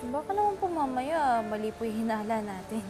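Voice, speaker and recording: An actress playing a polite, gentle, guilt-prone daughter in a TV drama, with a Filipino accent. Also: female voice, fairly high pitch, lively intonation, a little fast, natural voice. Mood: worried. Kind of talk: TV drama dialogue. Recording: music behind dialogue.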